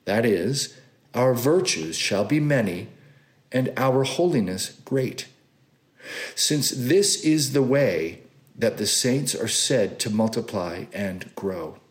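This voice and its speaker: A man reading a religious text aloud in a formal, deliberate and solemn manner. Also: medium pitch, expressive. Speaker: scripture and homily reader.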